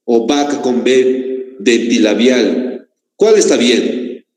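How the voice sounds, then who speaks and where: Slow-talking male teacher in echoey room. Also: mid-range voice, a little mellow. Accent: Bolivian Spanish. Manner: asks the class frequent rhetorical questions. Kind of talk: online class lecture. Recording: echoey room, long reverb.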